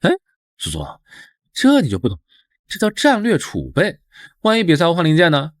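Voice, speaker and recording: A laid-back young mechanic in a motion comic, talking in a casual, offhand way. His slightly high voice moves lively up and down, and the recording is dry and close. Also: moderate pace, dry recording. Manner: casual, unbothered. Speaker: lead character.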